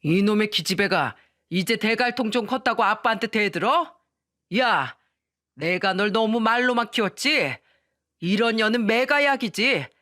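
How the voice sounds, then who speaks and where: A woman voicing a drunk, bullying middle-aged father who yells coarse orders, in a dramatized radio story. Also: medium pitch, lively intonation, a little slow. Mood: drunken bullying.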